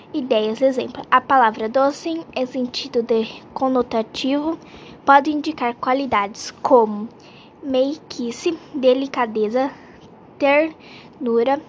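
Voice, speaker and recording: A woman reading a grammar lesson aloud in a slow, halting way, restarting on some words. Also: high voice, a little hiss or hum.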